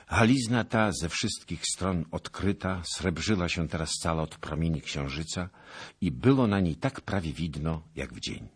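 A man's voice: deep voice, expressive, moderate pace, breathy edge. A man giving dramatic scripted audiobook narration that swells with the action.

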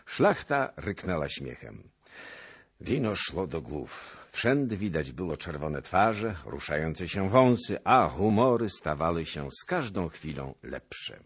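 Deep, husky male audiobook narrator. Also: takes it slowly, no echo, studio quality. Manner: expressive, theatrical reading.

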